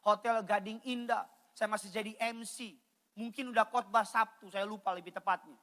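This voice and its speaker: A male pastor giving an animated Christmas sermon, joking with the congregation in a large church hall. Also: high voice, normal speed. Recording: long hall reverb.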